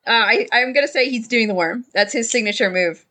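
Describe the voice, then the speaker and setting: A woman's voice: fairly high pitch, a little fast, pushed and bright. A woman narrating a tabletop game as game master, casual and chatty. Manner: casual, chatty, laughs often.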